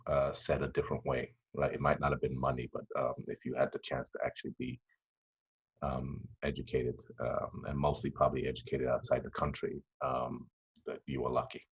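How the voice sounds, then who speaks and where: A Tanzanian man in his fifties appears as a podcast guest in a casual interview chat, his voice extremely deep and husky, his tone flat and even. He's halting and reflective, pausing often, using many fillers and restarting sentences. The recording sounds dull and lo-fi.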